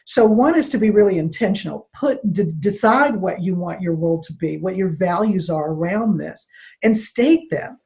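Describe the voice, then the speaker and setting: A woman's voice: lowish voice, lively intonation, normal speed, gravelly, a little mellow. A woman speaking as a consultant on a discussion panel, explaining her advice conversationally and with emphasis. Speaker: diversity consultant, panel guest.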